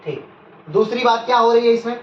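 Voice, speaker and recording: A man's voice: very high voice, a little fast. A man giving a history lecture for a video, quizzing his viewers and answering his own questions, often correcting himself mid-sentence. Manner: self-correcting, restarts mid-word. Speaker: history teacher. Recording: roomy, slightly dull sound with faint background noise.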